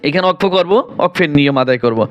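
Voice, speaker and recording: A man teaching a Quran recitation lesson, spelling out each letter and then chanting the verse with long drawn-out vowels. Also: a little high, lo-fi sound.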